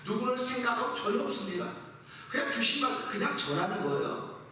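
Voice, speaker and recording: 교회 예배에서 설교하는 남자 목사로, 대사를 연기하듯 섞고 수사 의문문을 던집니다. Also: male voice, very high voice, animated, a little fast, pushed and bright, slight background noise. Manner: preaching with acted dialogue and rhetorical questions. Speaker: pastor. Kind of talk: sermon. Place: church sanctuary. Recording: echoey church hall, mic at distance.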